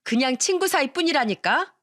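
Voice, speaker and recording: A woman voicing a scheming two-faced young wife who talks slowly with sugary fake concern that turns cold and defiant. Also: sits high, expressive, a bit bright, no echo, studio quality, pitched above the performer's own voice.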